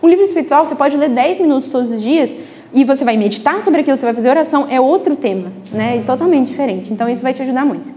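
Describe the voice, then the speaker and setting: A woman's voice: high voice, lively intonation, rapid-fire, mellow, a little hiss or hum. A woman teaching a live book club class in a chatty way, often adding tag questions. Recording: reverberant classroom.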